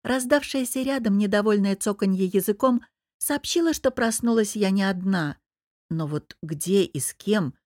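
A woman reading a first-person audiobook in an even, measured storytelling voice. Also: medium pitch, no room sound, clean studio sound. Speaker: audiobook narrator.

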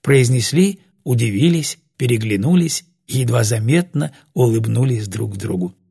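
A male audiobook narrator reads in a measured voice. His tone is gravelly and a little husky, at a middle pitch. The sound is dry and close. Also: animated, warm tone, no echo. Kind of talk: scripted narration.

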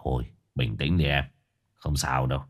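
A man voicing a flustered middle-aged office boss who stammers and speaks in a hushed, placating tone. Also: mid-range voice, wildly swooping pitch, brisk, breathy edge, full character voice. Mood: soothing.

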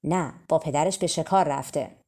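An urgent, protective queen stepmother, voiced by a woman reading a storybook aloud. The voice sits low and mellow, close to the reader's own. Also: slightly rough. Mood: calm.

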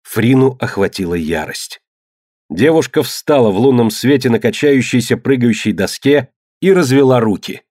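Guy reading an adventure story, steady and dramatic, mid pitch, no room sound. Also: moderate pace, no room sound, studio quality. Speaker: narrator. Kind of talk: scripted audiobook narration.

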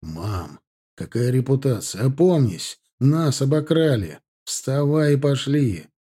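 Man reading as an irritated young husband and son, husky low voice, dark tone, audiobook. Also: sing-song, slow pace, heavily acted. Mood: exasperated. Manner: irritated, pleading. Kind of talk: audiobook character voice.

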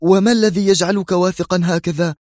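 A man's voice: mid-range voice, expressive, fast talker, mellow, no echo, clean studio sound, pitched above the performer's own voice, lightly acted. A man voicing a nervous male intelligence aide who keeps questioning his commander in a strained, pleading tone. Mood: tense.

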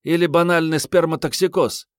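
Young woman, bold and mocking, sharp tongue, pitched well up; read by a man in an audiobook. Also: steady tone, normal speed, dry recording, studio quality, lightly acted. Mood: teasing. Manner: mocking, bold, coarse banter. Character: brash, sassy young woman, crude and teasing.

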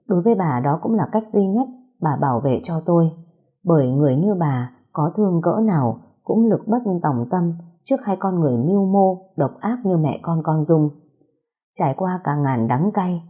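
Woman narrator, scripted story, low pitch, husky. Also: warm tone.

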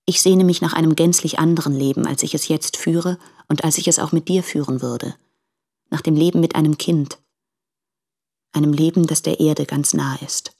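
A woman's voice: deep voice, steady tone, moderate pace, dark tone, breathy edge. An actress playing a married woman in a radio play, torn between her husband and a lover, speaking earnestly and pleadingly.

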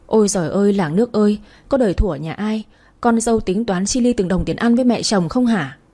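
A scornful, sharp-tongued old mother-in-law, as a woman reading a storybook puts her on, scolding fast and shrill, then sliding into a low, pitiful wail. The voice is mellow and a little husky underneath. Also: close to an everyday voice. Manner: scolding, then wailing self-pity.

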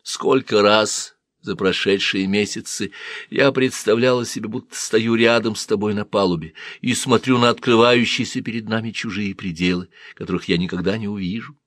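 A man's voice: on the low side, fairly even intonation, normal speed, a bit bright, dry recording, clean studio sound, lightly acted. A male narrator voicing a defiant ancient queen-pharaoh, declaiming her words to her god with pride. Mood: tender longing. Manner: declamatory, proclaiming.

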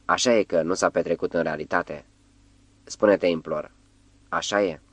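A proud Roman governor who pleads in a broken, imploring voice, as a man reading an audiobook puts him on. The voice sits very low. The recording is close and dry. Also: fairly even intonation, a bit bright, no echo. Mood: pleading.

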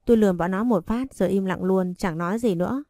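A woman narrating a romance story in the first person, reading in an even, unhurried way. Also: medium pitch, no echo.

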